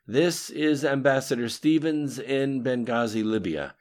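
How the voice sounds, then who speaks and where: A man's voice: mid-range voice, a little slow, darkish tone, voice pushed up, close to an everyday voice. A man playing a male ambassador who makes insistent, urgent demands in clipped commands.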